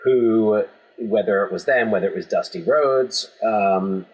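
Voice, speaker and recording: Man, husky voice, podcast co-host, casual rambling chat, lots of fillers and restarts. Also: on the low side, unhurried, poor audio.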